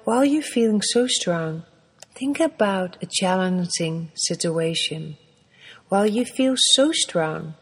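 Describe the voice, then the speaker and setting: A woman leads a guided meditation in a soft, breathy voice that sits a little low. She moves through her instructions slowly and gently, leaving long pauses between phrases. A long reverb trails after her words.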